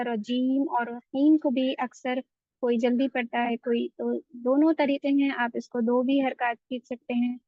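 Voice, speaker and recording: A woman's voice: fairly high pitch, no echo, dull audio. A woman teaching a Quran recitation lesson, explaining patiently and drawing out the recited words. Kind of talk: online tajweed lesson.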